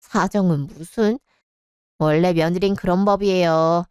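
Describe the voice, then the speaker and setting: A woman's voice: on the low side, steady tone, unhurried, a little mellow, clean tone, no room sound, lightly acted. A woman voicing a bratty, self-righteous young sister-in-law in a radio drama, snippy and lecturing.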